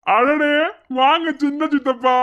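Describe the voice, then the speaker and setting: A woman's voice: sits high, a little slow, lo-fi sound. A woman voicing an awkward, well-meaning young village man in a cartoon, asking fumbling, hesitant questions. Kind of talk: cartoon voice acting.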